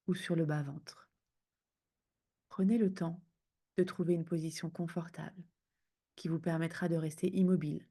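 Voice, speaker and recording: A yoga nidra guide with a low, gravelly voice leads a sleep meditation. She speaks in a soothing hush, using unhurried phrases separated by pauses.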